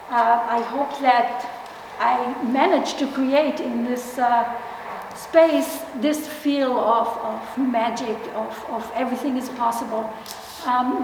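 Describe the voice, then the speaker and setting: A middle-aged woman from Israel giving a gallery artist talk, speaking hesitantly with many fillers and restarts. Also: sits high. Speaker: exhibiting artist. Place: large gallery hall. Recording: echoey hall, distant from mic, noisy.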